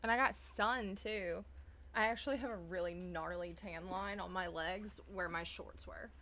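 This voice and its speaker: A woman live streamer chats loosely with her audience in a bright, clear tone. She talks in a relaxed, joking way, pokes fun at herself and laughs often. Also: lowish voice, moderate pace. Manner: chatty, self-deprecating, laughs often. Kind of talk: casual live-stream chat.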